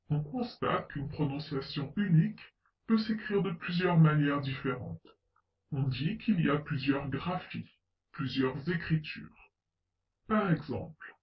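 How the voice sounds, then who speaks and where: A man giving a scripted pronunciation lesson, slowly spelling out letters and example words. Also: fairly high pitch. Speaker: French pronunciation teacher. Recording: roomy, distant, slightly dull sound.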